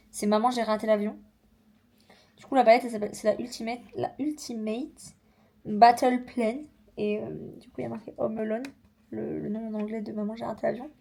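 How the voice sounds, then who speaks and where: Young woman, casual vlog chat, chatty and slangy, slightly high voice. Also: vocal fry. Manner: chatty, slangy, animated asides. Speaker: vlogger.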